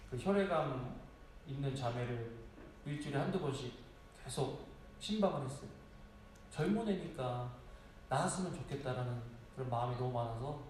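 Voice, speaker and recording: A man's voice: fairly high pitch, darkish tone, slight background noise. A middle-aged male pastor preaching a sermon in a conversational, storytelling way, asking rhetorical questions. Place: large echoey church sanctuary. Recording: very echoey hall from a distance.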